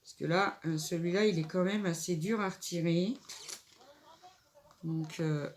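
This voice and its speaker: A craft vlogger, nasal and stuffy-nosed from a cold, chats casually in a crafting tutorial, thinking aloud while she makes a table decoration. Her lowish voice is unhurried with fairly even intonation, and the recording is very noisy.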